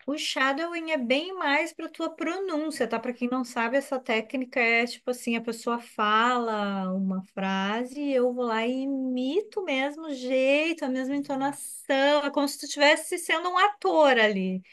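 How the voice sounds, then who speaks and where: A woman, an English teacher explaining as a guest on a video call, chatty and lively with playful imitations. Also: sits high, normal speed, hardly any pauses.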